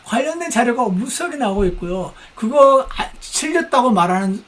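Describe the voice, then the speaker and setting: Male pastor, high voice, lively dramatic sermon delivery, acts out quoted voices. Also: normal speed. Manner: animated, acts out quoted speakers, mimics shouting. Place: church.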